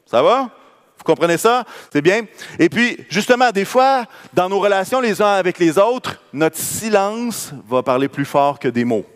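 A man's voice: high-pitched, sing-song, a little slow, big-room sound. A man preaching a sermon with a Quebec French accent, talking conversationally and checking in with the congregation. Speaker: pastor. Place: church.

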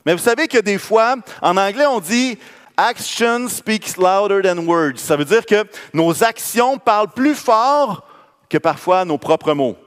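A man's voice: sits high, big pitch swings, unhurried, clean tone, in a large hall. A man preaching a sermon with a Quebec French accent, talking conversationally and checking in with the congregation. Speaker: pastor. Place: church.

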